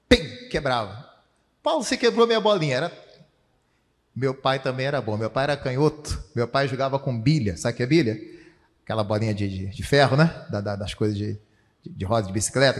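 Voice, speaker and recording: Man, pastor, lively sermon, echoing church hall. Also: mid-range voice. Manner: animated storytelling with acted voices. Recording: long hall reverb.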